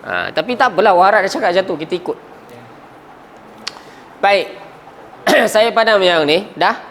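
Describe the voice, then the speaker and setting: A Malaysian man teaching a class with a high, light voice and a Malaysian Malay accent. He keeps putting questions to his students and sometimes trails off mid-word. Faint hiss sits under the classroom recording. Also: moderate pace, a bit bright. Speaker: Arabic grammar teacher. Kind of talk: classroom lesson.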